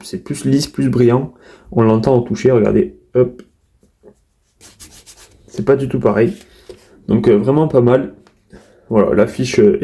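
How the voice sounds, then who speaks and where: A man's voice: medium pitch, dark tone. A man casually showing his disc collection in an unboxing video, talking in a chatty, hesitant way with many fillers and restarts.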